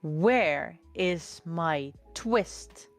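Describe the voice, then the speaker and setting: A woman's voice: fairly low pitch, animated, drawn-out words, faint music behind, full character voice. Woman doing a fretful old tailor. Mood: pleading. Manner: hushed, half-whispered lamenting. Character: poor old male tailor, anxious and fretful.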